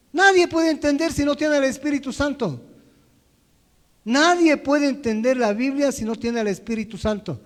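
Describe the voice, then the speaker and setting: Male preacher, high-pitched, storytelling, long hall reverb. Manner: storytelling, swings from loud to hushed. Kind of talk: sermon testimony. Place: church hall.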